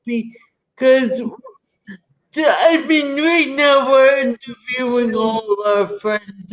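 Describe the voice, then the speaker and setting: A woman with a high voice speaks slowly and earnestly in a casual conversation. The recording is dull and lo-fi, with the top end missing.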